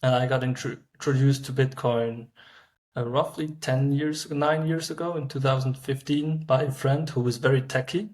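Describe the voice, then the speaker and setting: Guy in his 30s, founder on a podcast, pretty flat delivery, lots of ums and restarts. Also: mid-range voice. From Switzerland. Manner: halting, many fillers and restarts. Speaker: startup founder guest. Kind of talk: casual interview answers.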